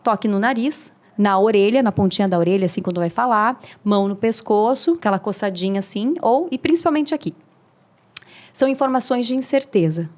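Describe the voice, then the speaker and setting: A woman's voice: medium pitch, a little fast, a little mellow. A woman, a speaking mentor explaining tips in a friendly, teaching way as a podcast guest. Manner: didactic, demonstrative, friendly.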